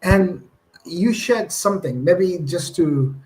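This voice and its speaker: Man, live-stream host, enthusiastic, talks to viewers, somewhat high voice, video call audio. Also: animated, takes it slowly, darkish tone. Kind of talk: live online broadcast. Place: Leiden.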